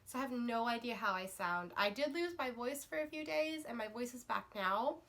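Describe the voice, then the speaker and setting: A woman book vlogger recovering from a cold chats casually to camera in a high-ish, expressive, fairly bright voice at normal speed. She rambles, with plenty of fillers and restarts.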